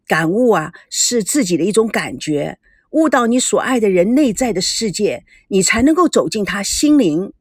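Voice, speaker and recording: A serene, wise young woman, as a woman narrator puts her on, speaking in measured, philosophical phrases. The tone is gentle and a little lower than the narrator's own, in a dry close recording. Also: expressive, breathy edge, dry recording.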